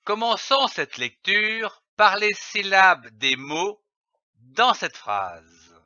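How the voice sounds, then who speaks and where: A man teaching early reading, slowly sounding out and spelling letters and syllables one by one. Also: high-pitched, big pitch swings, sharp tone, no echo. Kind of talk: slow instructional reading lesson. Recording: dull lo-fi dry recording.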